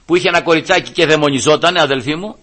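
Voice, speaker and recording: A man delivers a sermon in a bright, fairly high voice. He talks in a conversational way, keeps turning to his listeners as brothers, and sometimes slips into pleading voices to act out a story. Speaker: preacher.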